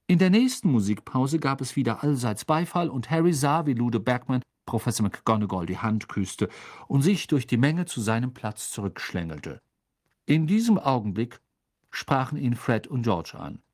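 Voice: medium pitch, moderate pace. A reader narrating a fantasy novel for an audiobook. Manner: animated storytelling. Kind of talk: scripted narration.

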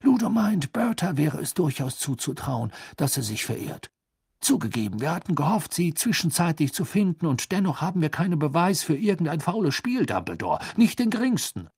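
Casting: male reader as an agitated, blustering official, pitched high and loud, slightly husky. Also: very animated, normal speed, no room sound, studio quality, exaggerated voice. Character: flustered blustering male minister, middle-aged.

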